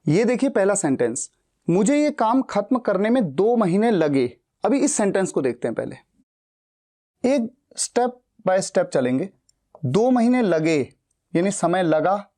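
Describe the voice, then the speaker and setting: A man's voice: high voice, mellow. A man teaching a spoken English lesson who explains step by step and repeats example sentences.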